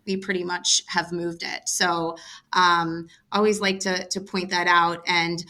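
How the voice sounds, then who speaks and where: A middle-aged woman, a bit hoarse from losing her voice, chatting as a podcast guest with many fillers and restarts. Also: fairly low pitch, little pitch movement, a little slow, sharp tone. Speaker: podcast guest, rail public affairs head. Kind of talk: casual podcast chat.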